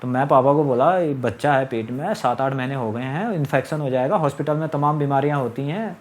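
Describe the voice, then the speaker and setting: A man's voice: mid-range voice, brisk. Aggrieved man talking straight to camera. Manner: aggrieved, recounting and quoting others. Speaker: vlogger. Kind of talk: casual monologue to camera.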